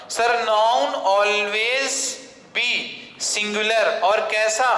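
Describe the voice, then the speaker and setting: A man lectures on English grammar with a sharp, bright voice, firing questions at his class and answering them himself. He slows right down for deliberate English phrases. The classroom rings with a long, echoey reverb. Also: high voice.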